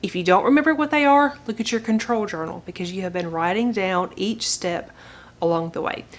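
A woman's voice: mid-range voice, brisk, slight background noise. A woman, hosting a chatty home-routine vlog from her living room sofa and encouraging viewers directly. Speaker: vlogger, channel host. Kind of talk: upbeat home-organizing vlog.

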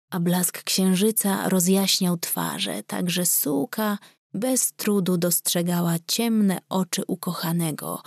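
A woman narrating an audiobook in a calm, measured, intimate way, recorded on a close studio mic. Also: on the low side, dry recording.

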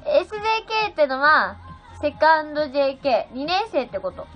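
In a casual phone livestream, a seventeen-year-old girl speaks briskly in a high, sing-song voice. She's bubbly, going through viewer comments and thanking everyone individually, while faint music plays under slightly dull sound.

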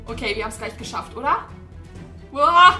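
A woman hosting a gaming video, giving excitable commentary and shrieking and laughing when she is scared. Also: high voice, normal speed. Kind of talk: game commentary. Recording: roomy sound with faint game music.

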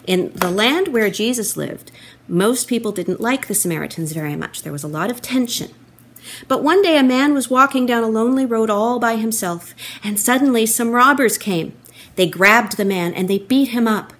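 A middle-aged woman telling a children's story for a church, expressive and animated, recorded on a laptop webcam at home. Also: a little high, moderate pace. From Canada. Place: wood-panelled room at home, indoors. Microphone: laptop webcam, close framing.

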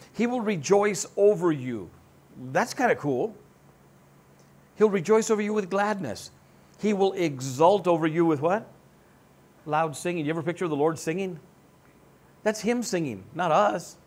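A man's voice: a little high, lively intonation, moderate pace, pauses often, darkish tone. An American man preaching a sermon as pastor, conversational and joking, often putting questions to his congregation.

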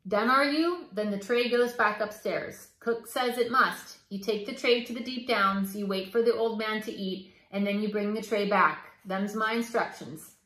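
A woman reading aloud and voicing a hard-of-hearing servant girl who shouts in coarse country speech, in a roomy echo. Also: medium pitch, normal speed, few pauses, close to an everyday voice. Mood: blunt.

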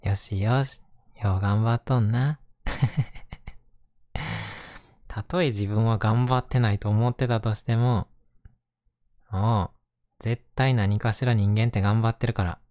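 A man with a Kansai accent talking gently and casually in a reassuring, intimate ASMR bedtime style, close to the microphone. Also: fairly low pitch, steady tone, takes it slowly, long pauses, dry recording. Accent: Kansai Japanese. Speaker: host reading bedtime picture books to listener.

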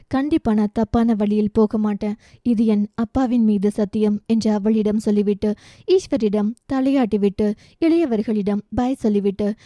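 A woman reading a romance novel aloud, narrating and voicing every character in an expressive storytelling manner. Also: on the high side, no room sound. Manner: expressive storytelling, shifting between narration and dialogue.

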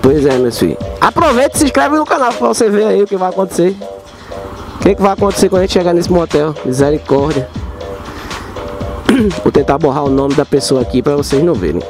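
A man's voice: on the high side, animated, a little fast, music in the background. A man with a Northeastern Brazilian accent from Pernambuco, chatting casually as a motovlogger, his voice strained by an inflamed, sore throat. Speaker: motorcycle delivery rider and vlogger. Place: outdoors, riding a motorbike through city streets.

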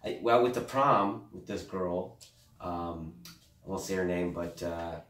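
A young man with a low voice tells a rambling story in a dry, deadpan way, then breaks into loud bursts. He sounds set back from the mic in an echoey room. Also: a little slow. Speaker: guest comedian. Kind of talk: casual storytelling chat. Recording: roomy sound from a distant mic.

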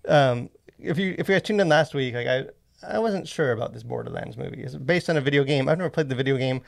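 A man hosts a casual podcast where he reviews movies, rambling through many asides into a close boom-arm studio mic. His medium-pitched voice is fast and creaky.

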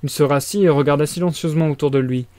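A man reads a novel aloud on a live stream, narrating steadily and expressively. His voice is fairly high for a man, and a close mic gives a dry, intimate sound. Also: fast, warm tone, no echo. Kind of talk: audiobook reading.

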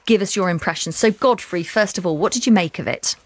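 A woman in her thirties hosting a live radio discussion from a studio, chatty and brisk. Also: fairly low pitch, dry recording. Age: 30s. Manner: brisk, chatty, lively presenting. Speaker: radio show host.

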